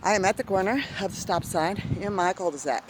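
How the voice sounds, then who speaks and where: A woman's voice: mid-range voice, noisy background. A middle-aged woman vlogging outdoors on a neighborhood walk, out of breath, chatty and encouraging herself. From Arizona. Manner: chatty, self-encouraging, breathy pauses between phrases. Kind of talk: casual vlog narration while walking. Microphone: handheld phone camera.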